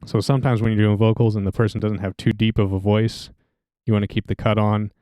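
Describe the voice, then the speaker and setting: Deep-voiced man explaining gear, smooth and dry. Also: fast, no echo. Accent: American. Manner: relaxed, friendly, hands-on explaining. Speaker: music instructor. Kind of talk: casual how-to demonstration. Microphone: studio microphone through a mixer.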